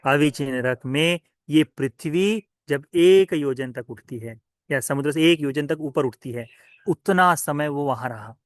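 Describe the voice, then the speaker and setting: Male monk, children's storytelling sermon, slightly high voice, question-and-answer delivery, dry. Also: unhurried, no echo. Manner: lively questioning, asks listeners and answers himself. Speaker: Buddhist monk.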